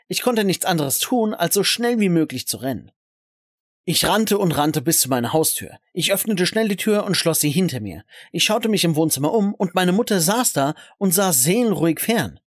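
A young man telling a story in the first person, his voice fairly high and swinging widely in pitch. He narrates with expressive emotion. The recording is dry and close, with no room sound. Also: no echo.

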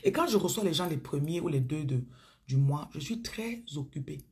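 A spiritual coach with a Cameroonian accent preaches on a phone live stream, greeting viewers by name and frequently dropping to murmurs and whispers. Her deep, darkish voice is slightly rough, animated, and delivered at normal speed.

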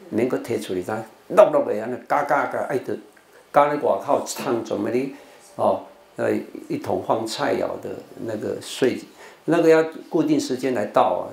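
Faint background noise fills a spacious hall where an older Taiwanese Buddhist monk, speaking with a Taiwanese Mandarin accent, teaches English words on television. He leads call-and-response drills and now and then slips into Taiwanese Hokkien, his medium-pitched voice showing vocal fry.

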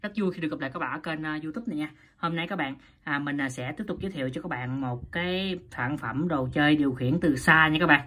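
A woman's voice: deep voice, fast, hardly any pauses, fairly bright tone. A woman reviewing and unboxing a toy in a chatty, casual way, often addressing viewers and laughing at herself.

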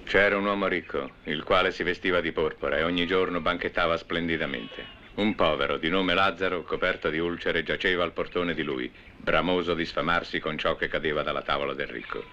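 Brief: earnest disciple, low and forceful, steady storyteller in a 1970s film drama. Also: male voice, brisk, few pauses. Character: earnest male disciple telling a parable. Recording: dull old film soundtrack with faint hiss.

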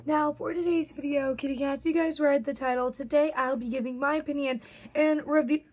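A woman's voice: high voice, steady tone, fairly quick, a little mellow. A young woman chatting casually in a toy review vlog, rambling with many fillers and hiccuping now and then.

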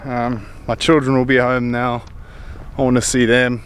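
A man's voice: medium pitch, little pitch movement, moderate pace, a little hiss or hum. A middle-aged man chatting enthusiastically and rambling as he walks outdoors, filming himself on a handheld phone. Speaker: vlogger. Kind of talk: casual walking vlog. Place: outdoors on a hillside.

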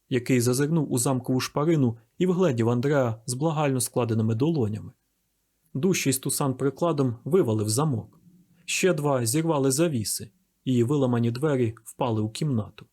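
A man's voice: medium pitch, warm tone. A man narrating an audiobook of a classic novel with a vivid, dramatic reading. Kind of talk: scripted narration.

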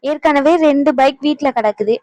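A woman's voice: sits high, normal speed, darkish tone, dry recording, close to an everyday voice, poor audio. A woman voicing a mother in a cartoon, teasing and scolding her little son.

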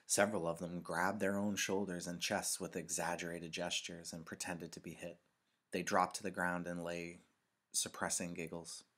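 A man, a teacher, reading a novel aloud in a measured, expressive storytelling manner with dramatic pauses. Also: sits low. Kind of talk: read-aloud narration.

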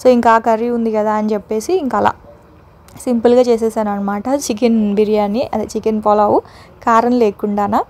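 A woman's voice: on the high side, fairly even intonation, normal speed, darkish tone. A young woman with a Telugu accent, chatting step by step as she narrates her own cooking vlog. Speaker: vlogger.

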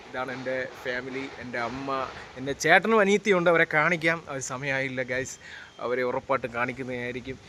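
A man's voice: mid-range voice, bright, forceful tone. A young man from Kerala talking casually to his viewers as a vlogger, calling them guys and hesitating with fillers. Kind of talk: casual vlog talk to camera. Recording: clear background noise.

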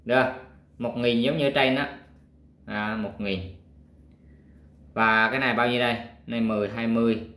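A male math teacher works through a worksheet, counting squares aloud in a slow, patient way. He pauses often with fillers, and his voice sits at a middling pitch. A roomy echo hangs around his voice. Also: fairly even intonation, a bit bright. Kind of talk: worksheet walkthrough lesson.

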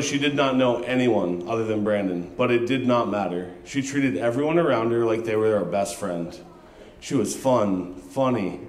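A young man giving a best man toast at a wedding, reading jokes and tributes from his phone with a handheld microphone. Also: on the low side. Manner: reads from his phone, laughing through jokes. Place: large hall at a wedding reception. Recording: echoey reception hall.

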